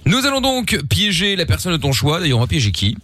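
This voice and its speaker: A man's voice: sits high, big pitch swings, quick pace, pushed and bright, soft background music. A man hosting a late-night call-in radio show, joking casually with lots of fillers.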